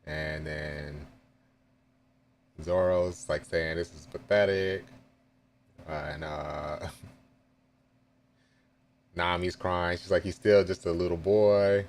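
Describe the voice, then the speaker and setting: A deep-voiced man takes his time, reading manga panels aloud and reacting in a relaxed, chatty way. A light hiss sits under his voice. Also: slow, pauses often. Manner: reads panels aloud with casual asides and chuckles.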